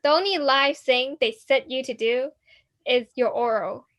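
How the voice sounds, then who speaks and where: Speaking at a measured pace in a high-pitched, somewhat bright voice, a teenage girl from Hong Kong co-hosts a student podcast. Her casual chat rambles, with many restarts and fillers.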